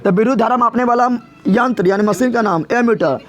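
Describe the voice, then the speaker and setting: A man's voice: very high-pitched, a little fast. A man teaching a physics class, drilling his students with repeated questions. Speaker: tutor.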